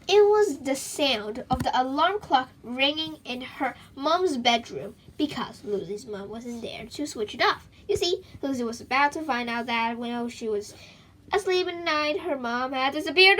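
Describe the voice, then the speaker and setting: A woman with a high-sitting voice reads a children's book aloud expressively and dramatically, adding chatty asides to her young listeners. There's a little hiss or hum in the audio.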